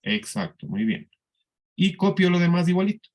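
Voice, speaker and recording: A man teaching an English class in Spanish with a Colombian accent, explaining slowly and patiently and often checking that the students follow. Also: high voice, very animated. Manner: slow, patient explaining with frequent checks for understanding. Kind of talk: classroom lesson.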